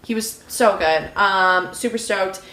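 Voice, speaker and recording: A woman's voice: mid-range voice, slow, background noise. A woman co-hosting a casual sports podcast, rambling and self-mocking as she talks through her team's preseason. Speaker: podcast co-host. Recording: echoey room.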